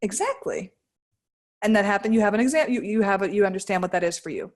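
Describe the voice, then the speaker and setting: A woman's voice: mid-range voice, animated, fast talker. A woman astrologer talking casually on a podcast, rambling and searching for words, with frequent laughs. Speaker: astrologer guest.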